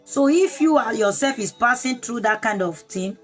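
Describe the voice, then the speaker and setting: A woman's voice: fairly high pitch, expressive, normal speed, a bit bright. Woman, online sermon, fervent, repetitive, faint music behind. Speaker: prayer leader.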